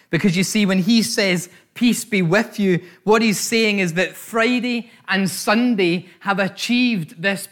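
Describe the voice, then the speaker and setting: A man preaching a sermon from the front of his church. His voice sits a little high. He speaks earnestly, doubles back on his words and fills pauses with soft fillers. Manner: earnest, repeats phrases, frequent fillers. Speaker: pastor.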